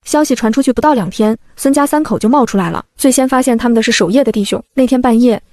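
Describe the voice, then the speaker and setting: A woman narrating a dramatic first-person story in a brisk, vivid storytelling manner. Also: fairly high pitch, mellow, dry recording.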